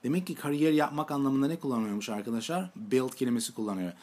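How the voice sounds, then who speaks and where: Man, English teacher, slow deliberate example sentences, repeats each form. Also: medium pitch, a little mellow. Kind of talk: language lesson, explaining in Turkish.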